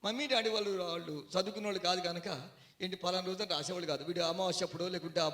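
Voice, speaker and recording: Brief: high, bright male preacher, animated storyteller, echoey church hall. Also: very fast. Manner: storytelling, animated, swings from hushed to loud. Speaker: guest preacher. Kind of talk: sermon.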